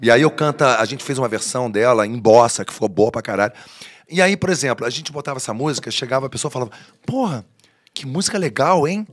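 A man's voice: mid-range voice, fast. A man, a guest on a podcast, telling stories in casual chat and acting out the people he quotes. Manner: animated storyteller who acts out the people he quotes. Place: podcast studio.

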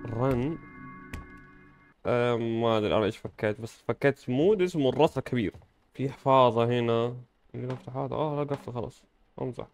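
A man commenting on gameplay casually, playful and joking with bursts of loud exclamation. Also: medium pitch, fairly quick, soft background music. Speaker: gaming channel host.

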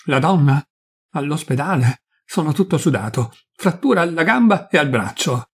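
A man's voice: a little high, expressive, moderate pace, slightly rough. Man voicing a flustered sweaty doctor. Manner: breathless, complaining.

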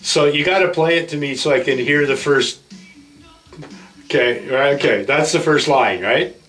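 A man's voice: fairly high pitch, normal speed, fairly bright tone, soft background music, rough recording. A man hosting a casual studio visit, joking loosely and swearing now and then. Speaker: video host. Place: recording studio.

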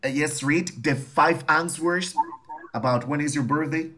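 A man's voice: on the high side, takes it slowly, pushed and bright. A man teaching an English class over a video call, repeating each phrase and translating it. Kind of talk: online bilingual class.

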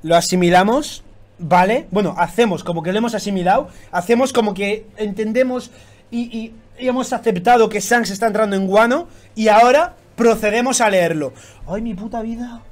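Man, high voice, excitable, foul-mouthed, shouty reaction commentary. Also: normal speed. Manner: excitable, swears constantly, bursts into shouts. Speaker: YouTube manga reactor.

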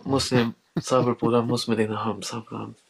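A man's voice: medium pitch, level tone, fairly quick, vocal fry, slightly rough. A man arguing religion in an online voice chat, repetitive and pleading, calling the others brother. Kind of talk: heated religious debate.

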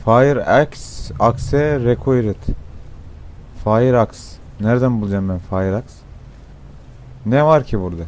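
A young man commenting on his gameplay, excitable and swearing a lot, with sudden shouts. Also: mid-range voice, takes it slowly, pauses often, slight background noise. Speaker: gameplay streamer.

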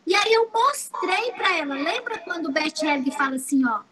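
A Brazilian woman, a family constellation therapist, teaching through lively stories and repeating phrases for emphasis. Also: extremely high pitch, normal speed, a crowd in the background, low-quality recording. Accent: Brazilian Portuguese. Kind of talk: teaching talk with anecdotes.

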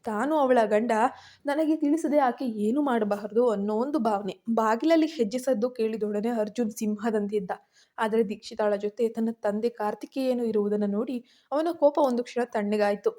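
A woman narrating a story in a steady, even reading. Her voice is fairly high and sounds warm and mellow. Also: moderate pace.

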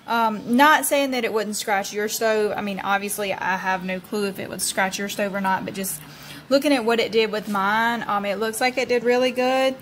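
A woman home vlogger casually reviews a cleaning product in her kitchen, talking chattily and warmly with frequent ums into a phone held at arm's length. Her voice is medium-pitched, moderately paced, and a bit bright, with slight background noise.

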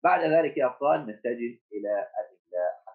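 A man teaching first graders online, encouraging the class, repeating words slowly and asking them questions. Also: medium pitch, sing-song. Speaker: primary school teacher. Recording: tinny phone-like audio.

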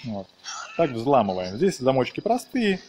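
In a casual walkthrough, a man talks viewers through his game with slangy, diminutive-heavy wording. His mid-range voice is very animated, a little mellow, and measured in pace, with slight background noise.

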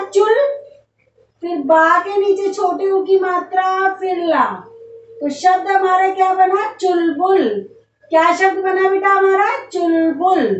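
Woman teacher drilling young pupils, very slow and patient, heard from a distance on a dull, lo-fi recording. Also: very high voice, a bit bright, slight background noise. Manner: slow, drawn-out syllables with repeated questions to pupils. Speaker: primary school teacher. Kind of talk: online Hindi phonics lesson. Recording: dull roomy sound from off-mic.

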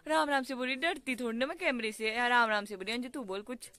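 Speaking fast in a slightly high, pushed and bright voice, this young adult woman from Himachal Pradesh, India, has a Pahari accent. She records a chatty, casual vlog outdoors on a hillside with her phone camera at arm's length, giggling and teasing as she addresses viewers directly.

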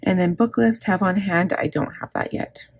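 A planner vlogger sits at a desk indoors for a casual plan-with-me chat, rambling, candid, and correcting herself as she goes. Her low voice is gravelly and scratchy, her throat rough from an inhaler. She talks at a moderate pace, and the recording is dry and studio quality.

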